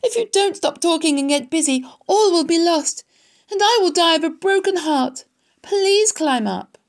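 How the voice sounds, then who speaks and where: A woman plays a young male pig in a storybook, very high and loud, swooping with emotion. He pleads and wails, frantic and dramatic. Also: lively intonation, normal speed. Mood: desperate. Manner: pleading, wailing, dramatic outbursts.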